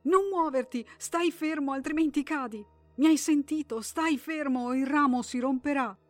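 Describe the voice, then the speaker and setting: Lady doing a frantic mom yelling up at her kid, high and loud, faint music under it. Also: moderate pace, no echo, lightly acted. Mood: panicked pleading. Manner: shrill, pleading and frantic. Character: terrified young mother shouting to her child.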